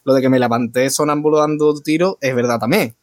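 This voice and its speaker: A man's voice: medium pitch, brisk. A man hosting a casual chat among friends, laughing often. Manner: leads the segment, laughs often. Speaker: podcast host.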